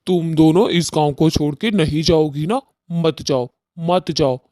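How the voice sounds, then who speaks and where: A man's voice: fairly high pitch, unhurried, warm tone, slight background noise, lightly acted. A man voicing a defiant villager in a cartoon story who issues stern ultimatums.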